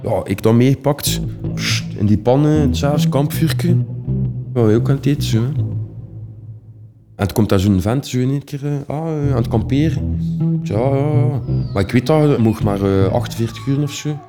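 A man's voice: mid-range voice, normal speed, over music. A young Flemish man telling his own stories casually, rambling in a streetwise way with many fillers. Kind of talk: casual personal storytelling.

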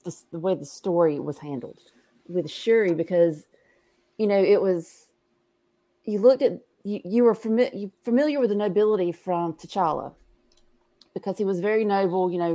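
A woman's voice: on the low side, warm tone. A woman co-hosting a casual podcast, rambling with lots of "you know" and "um". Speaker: podcast co-host.

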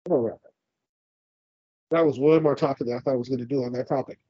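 A Californian man co-hosts a podcast, chatting casually while congested, rambling, swearing, and laughing often. His mid-range voice keeps a fairly even intonation at a fast clip, and the muffled recording has no room sound.

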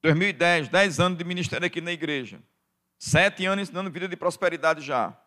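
A middle-aged man with a Brazilian Portuguese accent, preaching a sermon as pastor, calling the congregation "dear" over and over and swinging from hushed to loud. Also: a little high, a little fast. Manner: addresses the congregation as "querido" constantly, swings from quiet to loud.

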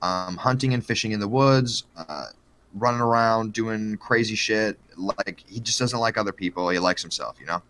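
Guy on a podcast telling a true crime story, lowish voice but really bright, jokey and swears a lot. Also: moderate pace, slight background noise. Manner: joking, profane, lots of fillers.

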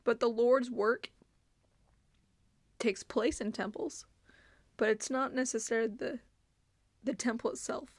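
A woman's voice: a little high, fairly even intonation, measured pace, long pauses, no room sound. A woman hosting a devotional podcast for mothers, talking in an earnest, heartfelt, conversational way with many fillers. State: tearful, choked up. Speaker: podcast host.

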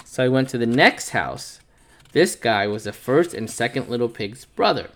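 A father reading a storybook aloud to his child, his voice rising and falling a lot as he goes. He tells the tale playfully as the wolf narrator. His pitch sits in the middle for a man. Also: expressive, moderate pace, fairly bright tone. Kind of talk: reading a picture book aloud.

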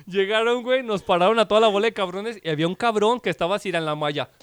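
A man's voice: high-pitched, very fast, a bit bright, clean tone, no room sound. A man with a Mexican Spanish accent telling crude, slang-heavy stories on a casual podcast and acting out the voices of the people in them. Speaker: podcast host. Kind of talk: casual storytelling chat.

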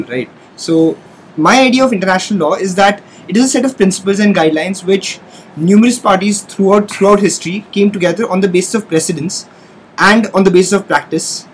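A man's voice: high-pitched, slight background noise, poor audio. A man speaking as a podcast guest, earnestly explaining ideas and restarting phrases as he searches for words. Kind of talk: casual explanatory discussion.

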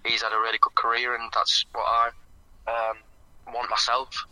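A young man's voice comes through a phone on speaker, very bright and thin in tone. His pitch hardly moves as he talks. He answers in a halting, modest way, filling the gaps with "um" and "like". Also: monotone, no room sound, low-quality recording. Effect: heard over a phone on speaker. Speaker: footballer guest calling in. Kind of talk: casual phone-in interview.

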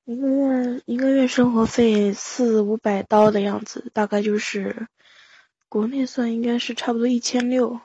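Husky young woman, meek replies. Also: a little high, fairly even intonation, normal speed, dark tone, dry recording, lo-fi sound. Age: young adult. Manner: meek, brief answers, plays along with the teasing. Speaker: guest. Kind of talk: casual chat.

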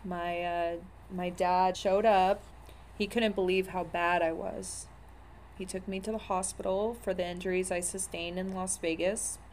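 A woman's voice: fairly low pitch, little pitch movement, unhurried, darkish tone, slight background noise. A woman in her thirties telling her own story candidly, in a blunt, profane way with many fillers.

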